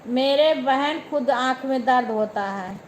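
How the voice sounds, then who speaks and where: Young woman, Awadhi accent, phone live stream, chatty, talks to viewers by name, higher voice, slow pace. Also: a little hiss or hum, rough recording.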